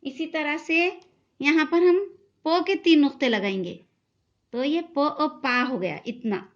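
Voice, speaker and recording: A woman's voice: high voice, a little slow. A woman teacher giving a lesson to children, speaking patiently and sounding out letters one by one. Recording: dull lo-fi sound.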